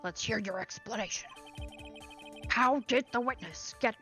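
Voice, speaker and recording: A woman voicing a stern, haughty female prosecutor who speaks in a commanding, deliberate way. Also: fairly high pitch, fairly bright tone, faint music behind. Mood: demanding.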